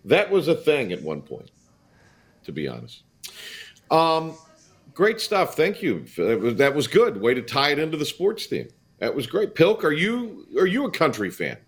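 A man's voice: on the high side, huge pitch swings, normal speed. An American man hosting a sports radio show in a casual, chatty, blunt and teasing way. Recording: studio broadcast, faint music behind. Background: music.

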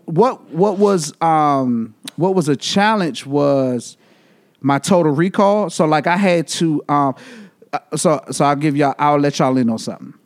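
A man in his thirties hosting a casual podcast chat, laid-back and quick to laugh, slowing down as he gathers his thoughts. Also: fairly high pitch. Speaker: podcast host.

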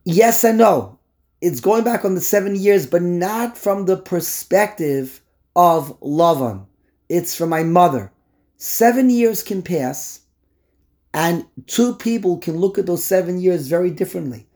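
A man teaches a text class with animated energy. He often repeats words as he builds a point, and his fairly high voice stays warm and mellow throughout. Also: unhurried. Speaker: Torah teacher. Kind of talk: lecture on a text.

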